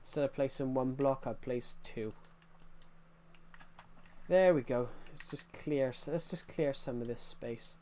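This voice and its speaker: A man's voice: mid-range voice, a little slow, pauses often, darkish tone. Early 20s guy rambling on a game stream, chatting back to his viewers, normal mid voice. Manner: rambling, chatty, reacting to chat messages. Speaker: livestreamer. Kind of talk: casual livestream chat while gaming.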